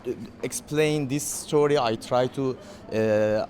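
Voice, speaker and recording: A man from Turkey with a Turkish accent, a documentary filmmaker speaking English as a second language in a festival interview, halting with many fillers and restarts. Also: medium pitch, a little mellow, slight background noise.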